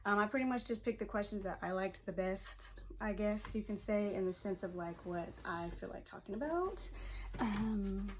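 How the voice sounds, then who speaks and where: A woman's voice: medium pitch, normal speed, slight background noise. A woman in her twenties, a hairstylist, chatting casually and laughing easily while she does her makeup on camera. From Pacific Northwest of the US. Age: 20s. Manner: relaxed and chatty, laughs often, lots of fillers. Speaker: hairstylist and vlogger.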